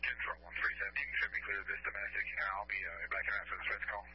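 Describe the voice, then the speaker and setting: A man's voice: fairly low pitch, little pitch movement, rapid-fire, slightly rough. A man, a police officer, calling in to control over police radio with terse call signs and short acknowledgments. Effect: police radio transmission. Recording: muffled distant radio with faint hiss.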